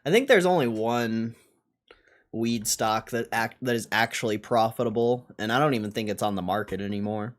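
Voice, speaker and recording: Speaking at a normal speed in a lowish voice, this man thinks aloud on a livestream about stocks. His casual commentary is slangy, blunt and offhand, and he's foul-mouthed throughout.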